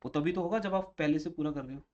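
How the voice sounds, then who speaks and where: A man's voice: a little high, quick pace, darkish tone. A male commerce teacher giving a classroom lecture, explaining with everyday examples and questions to his students. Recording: slightly dull lo-fi recording.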